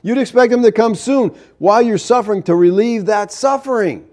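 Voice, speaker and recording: Male preacher, mid-high and mellow, incredulous and animated, arguing hard. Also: brisk. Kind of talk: sermon.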